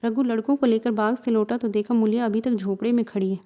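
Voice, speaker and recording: A woman narrating a classic short story in a steady storytelling manner, voicing every character. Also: on the high side, fast talker.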